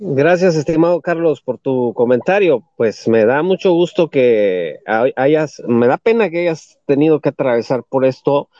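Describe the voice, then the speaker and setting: A male host of a live audio talk, speaking calmly and courteously to callers. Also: mid-range voice, measured pace, few pauses, dry recording. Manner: calm, courteous, uses formal address. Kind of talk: live audio space hosting. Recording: slightly dull lo-fi audio.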